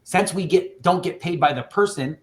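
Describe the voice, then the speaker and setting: A man's voice: a little high, normal speed. A man hosting a casual panel talk, speaking with passion and emphasis and often cutting in.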